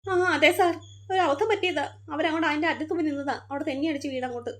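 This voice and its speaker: Woman doing a shrill frantic cartoon mom. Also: very fast, a bit bright. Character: anxious fussing mother. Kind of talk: cartoon voice acting.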